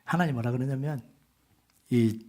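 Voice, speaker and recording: A man preaching a sermon as pastor, telling stories animatedly and swinging from loud cries to hushed whispers. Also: medium pitch, normal speed.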